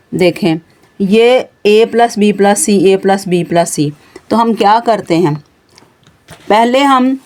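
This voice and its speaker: A woman with a Pakistani Urdu accent teaches a math lesson, patiently explaining every step and using frequent pointing words as she points at the board. Her voice is medium in pitch with a darkish tone.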